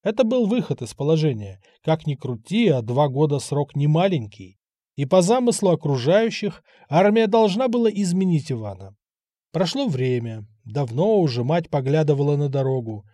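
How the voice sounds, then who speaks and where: A man narrating a novel in a measured, unhurried storytelling manner. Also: fairly high pitch, big pitch swings, mellow, dry recording, clean studio sound. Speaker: audiobook narrator. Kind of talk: novel reading.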